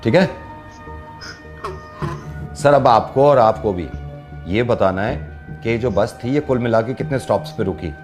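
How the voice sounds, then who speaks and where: A male radio host chatting playfully with a caller, telling jokes and riddles in a teasing, animated way. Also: medium pitch, unhurried, pauses often, faint music behind. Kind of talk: playful prank call chat.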